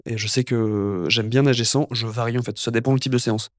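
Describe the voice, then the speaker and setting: A man's voice: medium pitch, fairly even intonation, a little fast, dry recording, studio quality. A young man, a guest physiotherapist, chatting casually on a podcast and rambling with lots of fillers and restarts. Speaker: guest, physiotherapist and amateur triathlete.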